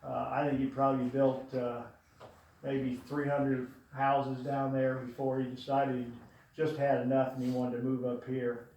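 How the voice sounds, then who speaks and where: An older man gives a eulogy before an audience in a large room, telling fond, rambling stories about his late brother full of fillers. His mid-range voice is darkish and a little slow, with a completely flat delivery. The recording is very echoey, and he sounds far from the mic.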